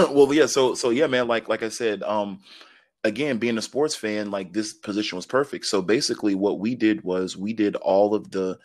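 A man in his thirties, a podcast guest, telling stories in quick, laughing, filler-heavy casual talk. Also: on the low side, dry recording, studio quality. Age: 30s. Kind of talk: casual interview storytelling.

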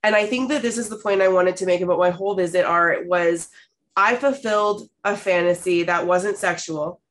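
A woman in her thirties from Canada, hosting a podcast and telling stories in a candid, expressive way with casual swearing. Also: fairly low pitch, fairly quick. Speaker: podcast host. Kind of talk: casual storytelling chat.

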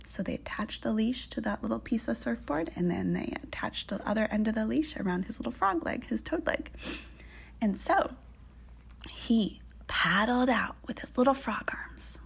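Woman, storyteller, whispered narration, breathy, gravelly, gentle, slow. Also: on the high side, lively intonation.

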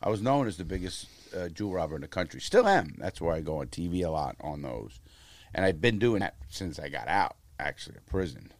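The recording is dry, and the man's low voice moves fairly quickly. A guest in his 50s at a casual interview, he's an animated storyteller, blunt and profane.

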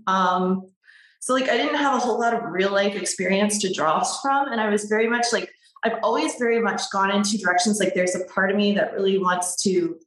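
A young adult woman, a writer appearing as an interview guest, talks in a brisk, medium-pitched, slightly bright voice. She rambles casually with lots of fillers and restarts. The mic sits some distance away, so the sound is roomy and echoey.

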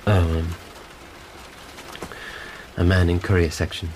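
A weary British intelligence officer in a spy drama, his voice low and his delivery clipped and evasive. Noisy, rain-like sound runs behind him. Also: little pitch movement, slow pace. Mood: guarded, defensive. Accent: British English. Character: John, tired, reserved British intelligence officer and husband. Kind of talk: naturalistic spy drama dialogue.

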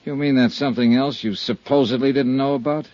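A man's voice: medium pitch, steady tone, a little fast, a little mellow, no room sound, close to an everyday voice. An actor playing a blunt, world-weary male insurance investigator in an old radio drama, narrating in clipped, sardonic tones. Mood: accusing. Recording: dull lo-fi old radio broadcast.

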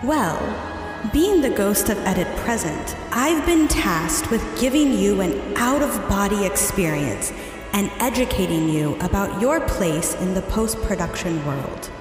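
A woman voicing a calm echoing ghost guide. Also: medium pitch, faint music behind. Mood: patient. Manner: soft, unhurried, dryly patient. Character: calm ethereal female ghost guide, deadpan. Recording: heavy echoey reverb.

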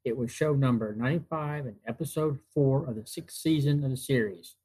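A man in his fifties hosting a retrospective, narrating from notes in a halting way and often repeating phrases. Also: medium pitch, dark tone, slightly rough, low-quality recording. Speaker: host. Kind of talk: semi-scripted narration of TV show retrospective.

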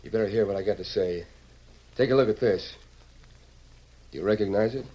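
An actor playing a scheming, bossy outlaw boss who taunts in folksy western slang, in old-time radio style. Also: male voice, fairly low pitch, fairly quick, dark tone, close to an everyday voice. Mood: smug threatening. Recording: dull, hissy old radio recording with clicks.

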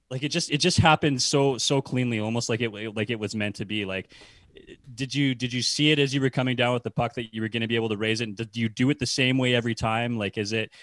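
Male podcast host, mid pitch, dry recording, loose rambling delivery. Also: fairly bright tone, no echo. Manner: rambling questions full of fillers. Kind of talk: casual interview chat.

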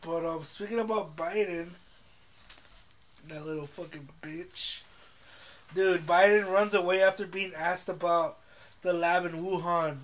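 A man's voice: high voice, steady tone, unhurried, long pauses, a bit bright, low-quality recording. A man hosting a casual chat, talking in sweary slang. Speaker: podcast host.

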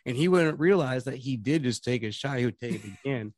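A man of middle pitch rambles through casual podcast stories and laughs along the way. The recording is dry and close, with no room sound. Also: animated, fairly quick, a little mellow, no echo. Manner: rambling storyteller, laughs often. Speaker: podcast guest. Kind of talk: casual chat.

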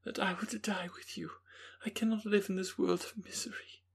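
A man's voice: high voice, fairly even intonation, brisk, gravelly, breathy edge, pitched above the performer's own voice, full character voice. A man voicing a grieving young woman who pleads in distress for a condemned friend. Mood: despairing.

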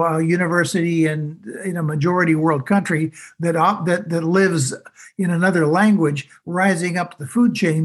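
A panel guest, a man, speaks haltingly, hunting for words with frequent fillers and restarts. His voice sits fairly high and sounds breathy and husky.

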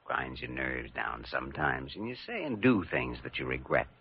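Casting: compassionate young American radio-drama doctor; very low, creaky voice, dull old recording. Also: male voice, animated, normal speed, slight background noise, heavily acted. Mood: earnest, urging. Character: earnest, compassionate young male hospital doctor.

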